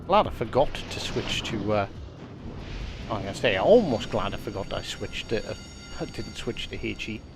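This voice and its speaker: A man's voice: on the low side, animated, normal speed, creaky, noisy background. A man streaming a naval combat game, talking casually to his chat, swearing often and repeating words as he thinks aloud. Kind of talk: casual gameplay commentary.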